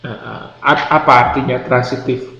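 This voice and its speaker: A man's voice: mid-range voice, fairly even intonation, a little slow, creaky, sharp tone. Man teaching grammar in an echoey classroom. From Indonesia. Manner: explains patiently, repeats key words, quizzes the class. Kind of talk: classroom lecture. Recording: roomy classroom, dull lo-fi sound, faint noise.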